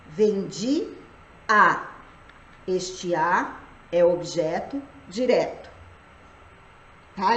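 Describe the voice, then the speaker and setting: A woman's voice: a little high, slight background noise. A woman teaching grammar for exams in a live online lesson, checking often that her students follow. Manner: explains slowly, checks understanding with "tá?" and "gente". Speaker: Portuguese teacher for civil service exams. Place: room at home, live stream. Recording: roomy echo.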